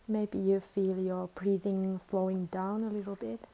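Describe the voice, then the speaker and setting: A woman teaches a guided meditation, her instructions soothing and unhurried, with long pauses. She speaks in a warm, creaky, mid-range voice with a flat delivery.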